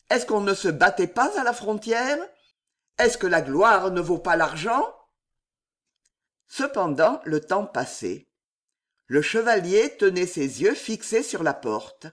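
Slow audiobook narrator, measured and expressive, pitch moves a lot. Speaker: audiobook reader. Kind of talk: audiobook narration of a historical novel.

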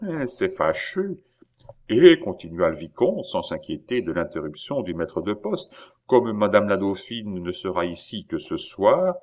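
A man's voice: low-pitched, very animated, moderate pace, darkish tone. A man narrating a classic novel aloud with dramatic, varied phrasing. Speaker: audiobook narrator. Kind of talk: expressive literary reading.

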